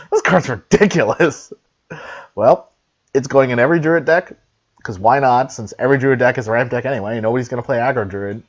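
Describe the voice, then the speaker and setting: A man giving a casual card game review, chatty and animated, who swears freely. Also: medium pitch, a little fast. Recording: dull lo-fi mic.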